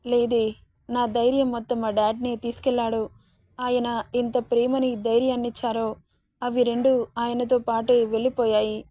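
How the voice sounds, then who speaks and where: Grieving young woman voiced by a female reader, tearful pleading lament, mellow higher voice, dry close sound. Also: flat delivery, moderate pace, no room sound, natural voice. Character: grieving young woman mourning her father. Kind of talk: dramatic story reading.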